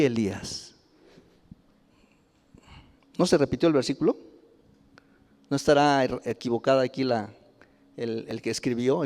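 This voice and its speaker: A man with a Mexican Spanish accent preaching a sermon as a pastor, chatty and animated, throwing out many rhetorical questions. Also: a little high. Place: church hall. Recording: long church hall reverb.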